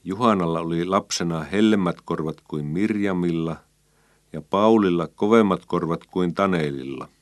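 Low-voiced man reading a children's story. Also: dry recording. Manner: calm, measured reading. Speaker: narrator.

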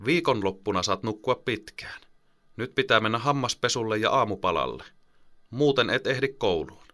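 A man's voice: on the low side, animated, bright, forceful tone, voice pushed up. A man voicing a mother in an audiobook, coaxing and firm with her children. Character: patient but firm mother. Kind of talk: audiobook character voice.

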